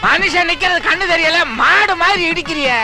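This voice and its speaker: A man's voice: extremely high pitch, brisk, vocal fry, over music. A man in a film comedy scene, scolding and sarcastic, picking quarrels. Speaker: comic actor in film scene.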